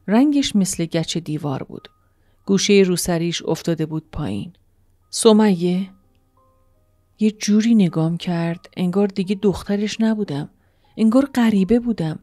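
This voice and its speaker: Woman softly narrating a story. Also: fairly low pitch, no room sound. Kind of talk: first-person story narration. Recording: dry studio voice-over with soft music.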